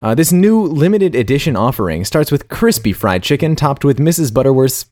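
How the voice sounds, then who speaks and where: A man's voice: mid-range voice, big pitch swings, a little fast, darkish tone. A man co-hosting a casual comedy podcast, playful and mock-serious, reading food news and stumbling over tongue twisters. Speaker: podcast co-host.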